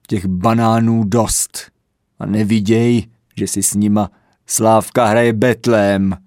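A man's voice: on the low side, a little mellow, dry recording, natural voice. Older father figure, mocking and sly, dry close read, done by a man. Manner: mock-feeble, mocking. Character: sly older male football fan, father.

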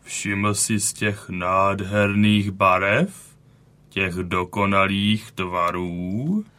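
A man voicing a wounded old male bison from a cave painting in a children's audio story. He speaks slowly, with weary dignity. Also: low voice, bright, forceful tone. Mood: weary, proud. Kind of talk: audiobook character reading.

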